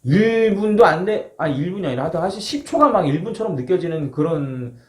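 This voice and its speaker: Recorded with a roomy echo, a man narrates a first-person story from his time as a former marine. His voice sits on the high side and moves briskly, and he animatedly acts out shouts while using polite, formal endings.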